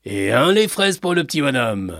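A man's voice: on the low side, sing-song, normal speed, gravelly, slightly rough, no echo, clean studio sound, exaggerated voice. A man voicing a jovial, mocking café owner who banters with regulars.

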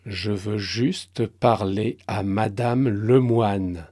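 Brief: exhausted desperate man, husky, quiet and clipped, read by a male narrator. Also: lowish voice, extremely slow, no room sound, clean studio sound. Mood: stubborn. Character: exhausted desperate middle-aged man, stubborn.

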